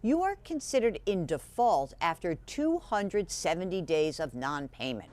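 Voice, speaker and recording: A woman news analyst explaining personal finance in a measured report. Her pitch sits a little low but swings widely as she stresses key points. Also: very animated, darkish tone. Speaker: business analyst.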